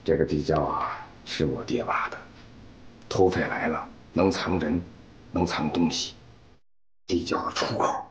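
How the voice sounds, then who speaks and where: An actor playing an older male workshop elder in a period TV drama, talking in a slow, measured, fatherly way. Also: rumbling low, fairly even intonation, a little hiss or hum. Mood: explaining. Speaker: family elder and workshop owner.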